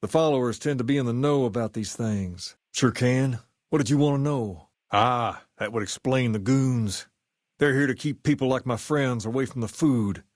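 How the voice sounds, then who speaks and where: An actor playing a swaggering, folksy gang boss in a video game, with a laid-back Southern US drawl. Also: male voice, medium pitch, normal speed, no room sound, studio quality, lightly acted. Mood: laid-back, confident. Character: swaggering, folksy gang boss who idolizes a rock-and-roll singer. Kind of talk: video game character dialogue.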